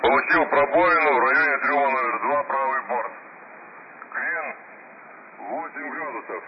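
A man's voice: medium pitch, a little slow. A man working as a coast radio station operator, speaking over marine VHF radio in formal procedure and repeating call signs. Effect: marine VHF radio transmission. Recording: muffled radio with loud hiss.

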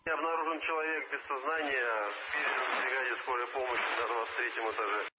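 This firefighter crew leader has a medium-pitched, steady voice and talks fast. His clipped, formal radio reports use call signs and close with "over," coming through muffled with faint hiss.

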